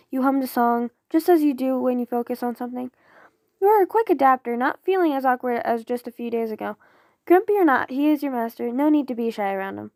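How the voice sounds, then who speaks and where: A woman's voice: high voice, a little mellow, no room sound, studio quality. A woman casually reading fan fiction aloud, often stumbling over words and apologizing. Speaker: audio story reader.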